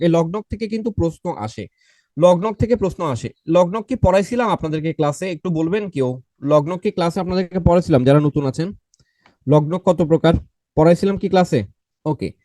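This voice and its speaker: High-voiced male grammar teacher. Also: warm tone, dry recording. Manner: repeats points, quizzes the class with questions. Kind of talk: online exam-prep lecture.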